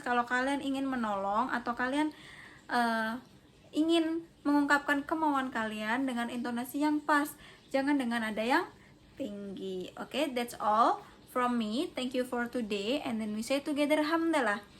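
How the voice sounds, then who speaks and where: A young woman teacher with an Indonesian accent, talking a class through a lesson slowly and carefully, often checking in with "ya". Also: sits high, a little hiss or hum. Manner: slow, careful, repeats "ya" to students. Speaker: English teacher.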